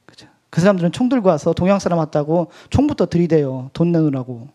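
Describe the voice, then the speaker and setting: A male pastor and missionary giving a testimony at an evening church service, swinging between loud outbursts and hushed whispers. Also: on the high side, sing-song, fast talker. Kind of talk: sermon testimony.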